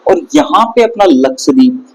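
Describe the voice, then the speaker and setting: A man's voice: fairly high pitch, sing-song, moderate pace, vocal fry, rough recording. Male teacher drilling a class. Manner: quizzes the class with repeated questions. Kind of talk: classroom lecture. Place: classroom with students.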